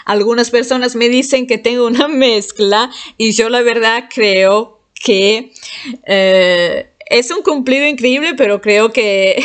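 A woman whose first language is Italian, chatting casually in a monologue and laughing often between phrases. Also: fairly high pitch.

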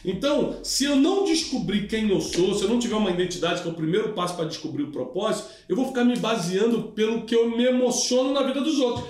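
A man's voice: sits high, darkish tone, far from the mic. A man hosting a podcast conversation, talking reflectively and asking his guest questions. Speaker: podcast host. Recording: very echoey room, off-mic.

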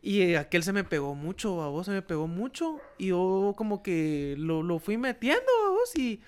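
A young man with a Guatemalan accent, chatting casually and telling stories, often tagging his sentences with a quick "va, vos". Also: sits high, big pitch swings, clean tone. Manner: storytelling, tags sentences with "va, vos". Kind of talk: casual chat.

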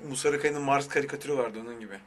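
A man's voice: mid-range voice, steady tone, rapid-fire. A man co-hosting a radio show, riffing playfully and trading jokes with his partner. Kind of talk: casual comedic radio banter.

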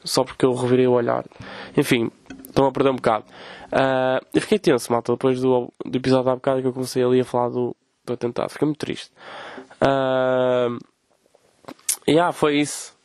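A man's voice: medium pitch, little pitch movement, a little fast, long pauses, a little mellow, no echo. A young man from Portugal with a European Portuguese accent, hosting a podcast as a casual comedic rant, swearing often and mimicking people in quoted voices. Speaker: podcast host.

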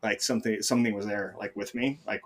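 Fast-talking middle-aged man telling a story. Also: fairly low pitch, fairly even intonation. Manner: storytelling, rapid, many restarts. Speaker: guest. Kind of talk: casual conversation.

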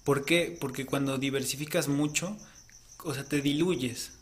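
A man's voice: medium pitch, steady tone, unhurried, slight background noise. A man co-hosting a casual podcast, explaining at length and often ending points with a questioning tag. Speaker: podcast co-host.

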